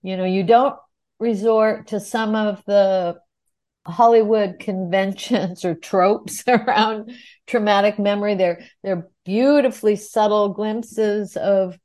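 A woman's voice: medium pitch, fairly even intonation, slow pace, darkish tone. A woman interviewer asking thoughtful, articulate questions in long, flowing sentences.

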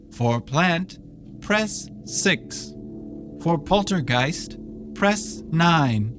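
A performer voicing an automated afterlife kiosk that speaks in formal, deliberate announcements, in a radio comedy sketch. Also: mid-range voice. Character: slow automated afterlife kiosk voice, sexless machine.

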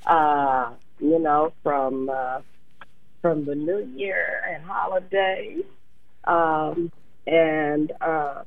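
A woman co-hosting a casual radio talk show, her voice scratchy, pausing often with fillers and restarts. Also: lowish voice, vocal fry, no room sound. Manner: halting, many fillers and restarts. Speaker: co-host. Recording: tinny phone line.

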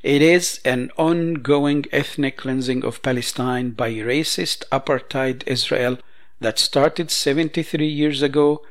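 A man presenting news commentary, reading statements in a measured, emphatic way. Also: medium pitch.

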